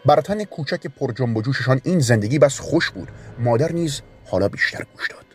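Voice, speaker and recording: A man reading a story aloud in a calm, measured way. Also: mid-range voice, husky. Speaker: narrator. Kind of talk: audiobook narration. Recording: narration with faint music bed.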